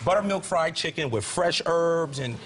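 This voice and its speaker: A man's voice: fairly high pitch, animated, normal speed. A middle-aged man, a guest chef, cooking and explaining in a folksy, upbeat way on a talk show set. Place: TV studio kitchen set with audience. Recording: studio audience and kitchen noise.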